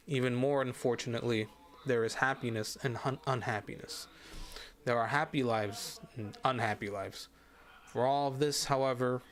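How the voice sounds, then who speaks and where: Man reading a story aloud. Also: mid-range voice. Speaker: streamer reading game stories.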